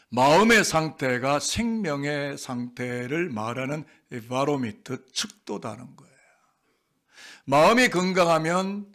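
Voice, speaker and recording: A male pastor preaching in a church, his voice sitting a little high for a man. He keeps things light, teasing and quizzing the people in the pews before turning to the message. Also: a bit bright. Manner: playful, jokes and quizzes the congregation. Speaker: senior pastor. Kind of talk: sermon. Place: church sanctuary.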